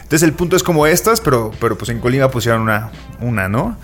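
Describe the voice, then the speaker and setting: A man with a Mexican Spanish accent co-hosts a podcast, casually telling a long story full of slang and restarts. His mid-range voice is lively, quick and a bit bright, with soft music in the background.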